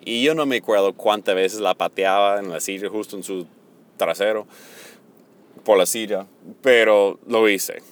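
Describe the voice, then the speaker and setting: A middle-aged man teaching on Bible words, earnest and slow, mixing a personal confession into his explanation. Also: on the low side. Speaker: preacher.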